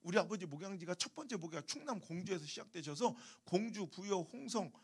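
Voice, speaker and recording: 높고 허스키한 부흥회 설교자. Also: male voice, high voice, fairly quick, breathy edge. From Chungcheong, Korea. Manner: animated storytelling, humorous. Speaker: guest revival preacher. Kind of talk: revival sermon. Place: church sanctuary.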